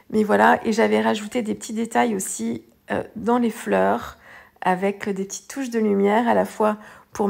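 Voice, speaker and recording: A woman narrating her art journal tutorial in a loose, chatty voice-over, often pausing on fillers and restarting her sentences. Her voice sits a little high and is thick with gravelly fry. She sounds tired as she talks. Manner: rambling, hesitant, many fillers and restarts. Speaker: art journaling video host.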